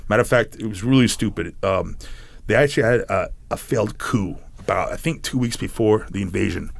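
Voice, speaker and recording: A man in his forties from San Diego, United States, guests on a podcast and tells stories casually, rambling and laughing between phrases. His voice is fairly low, a little fast and creaky.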